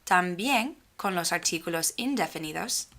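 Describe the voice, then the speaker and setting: Slow, careful woman teaching grammar. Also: fairly low pitch, expressive, fairly bright tone. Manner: slow, clearly spaced speech with stretched example phrases.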